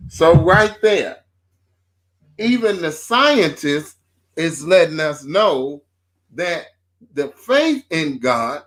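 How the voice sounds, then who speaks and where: Speaking slowly in a high voice, a man discusses faith in a laid-back, sermon-like manner, circling back with phrases such as "see" and "so remember." He sounds like the co-host of a homespun talk show, informal and repeating phrases as he builds his points.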